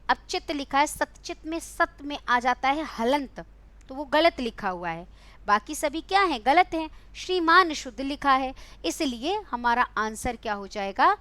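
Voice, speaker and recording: A woman's voice: sits high, pushed and bright. A young adult woman teaching Hindi in an online exam-prep class, quizzing her students, coaxing them and calling them beta.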